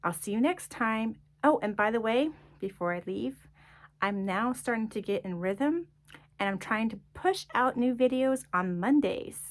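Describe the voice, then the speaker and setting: A woman's voice: on the high side, lively intonation, measured pace. Earnest woman sharing her faith testimony. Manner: earnest, unscripted, full of fillers. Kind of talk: casual testimony monologue.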